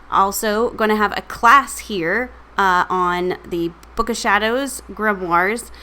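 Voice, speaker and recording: A woman's voice: medium pitch, sharp tone. Candid, chatty woman podcast host. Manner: candid and chatty, swears casually, laughs at herself. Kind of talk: casual solo podcast talk.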